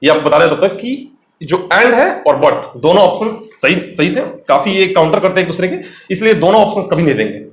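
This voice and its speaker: A man gives an exam-prep grammar lesson, his voice sitting slightly high. He explains step by step and keeps quizzing the viewer. The small room around him is echoey. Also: sing-song, fairly quick. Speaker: English teacher.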